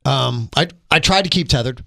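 A man's voice: medium pitch, moderate pace, vocal fry, sharp tone, dry recording. A man hosting a sports radio show from a studio, joking and teasing his co-hosts with frequent laughs. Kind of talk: casual sports radio banter. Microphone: studio microphone.

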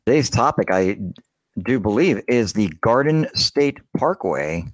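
A man's voice: medium pitch, animated, unhurried, dry recording, studio quality. A man co-hosting a casual podcast, tossing in wry jokes. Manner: joking, wry asides. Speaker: podcast co-host.

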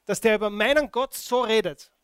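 Man voicing a brave young shepherd boy, defiant, dry close sound, high voice. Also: brisk, clean tone, no room sound, lightly acted. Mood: determined.

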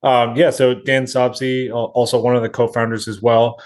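A man in his thirties, a restaurant co-founder, telling his founding story in a relaxed way. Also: medium pitch, normal speed. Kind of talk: interview guest.

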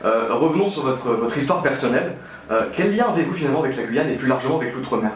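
A man interviewing a business owner, asking structured questions at a brisk pace. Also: mid-range voice, expressive. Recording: roomy and distant with faint background ambience.

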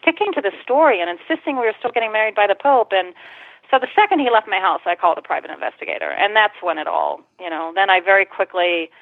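A woman's voice: mid-range voice, lively intonation, fast talker, no room sound. A woman guest telling a personal story in conversation, retelling it vividly and swearing freely. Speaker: interview guest. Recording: tinny phone-line sound.

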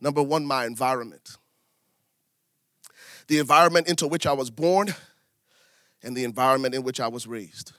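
Liberian-born preacher with a bright, forceful voice. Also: male voice, moderate pace, pauses often, dry recording. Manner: preaching with big swings in pitch and volume, repeating phrases for emphasis. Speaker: pastor. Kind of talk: sermon.

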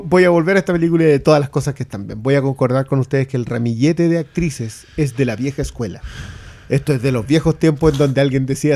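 Hombre chileno comentando cine, voz algo aguda. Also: male voice, a little high, a little mellow. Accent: Chilean Spanish. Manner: talks fast, repeats words, restarts often. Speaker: podcast co-host. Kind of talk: casual film review chat.

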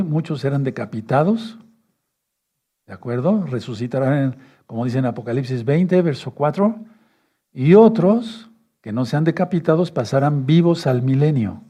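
A man delivers a teaching sermon, repeating key phrases and checking in with his listeners again and again. His voice is dark and somewhat husky. He tells the congregation to take notes. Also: medium pitch. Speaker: preacher.

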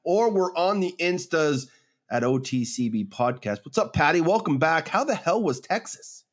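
A man's voice: a little high, very animated, normal speed. A man hosting an upbeat sports podcast in a casual, slangy way. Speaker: podcast host.

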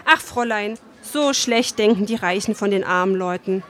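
A woman's voice: mid-range voice, moderate pace, fairly bright tone, close to an everyday voice. A woman reading the part of a shy young male factory worker in a story, pleading earnestly and sorrowfully.

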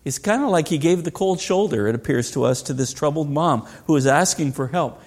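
Earnest preaching man, slightly high voice. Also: lively intonation, fairly quick, a little mellow. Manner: earnest, asks rhetorical questions. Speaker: pastor. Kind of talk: sermon.

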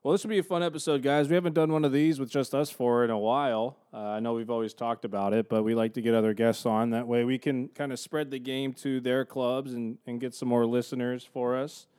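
A man's voice: medium pitch, little pitch movement, brisk, hardly any pauses, a little mellow, clean tone. A man hosting a podcast, chatting casually as he lays out the episode. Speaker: podcast host.

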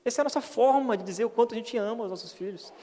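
Man, Brazilian Portuguese accent, pastor, earnest folksy sermon, fairly high voice, long church reverb. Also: very fast, dark tone. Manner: earnest, folksy, keeps asking "né?". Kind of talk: conversational sermon. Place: church hall.

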